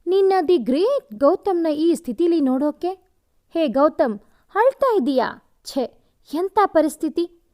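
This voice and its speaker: A woman's voice: high voice, expressive, unhurried, mellow, voice pushed up. Storybook villain: a spiteful young man who gloats, read by a woman narrator. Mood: gloating. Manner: taunting, mocking. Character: gloating young male rival, scheming and spiteful.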